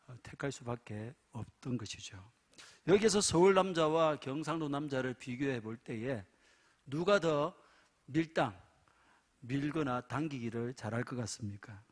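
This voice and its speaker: A middle-aged male pastor with a Gyeongsang accent preaching a sermon, humorous and emphatic. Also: medium pitch. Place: church sanctuary.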